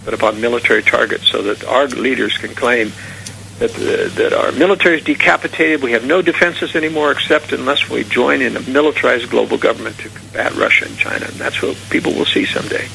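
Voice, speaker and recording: As a guest on a radio talk show, a man gives earnest, conspiratorial political warnings through long, unscripted explanations. His medium-pitched voice is gravelly, pushed and bright, steady in tone and quick, and the low-quality recording carries a little hiss or hum.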